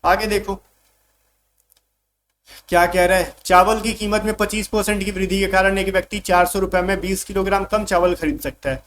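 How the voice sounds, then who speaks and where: A male math teacher giving an exam-prep lesson in a casual tone, calling students "bhai" and reading English questions slowly. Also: high voice, fairly even intonation, a bit bright, slight background noise.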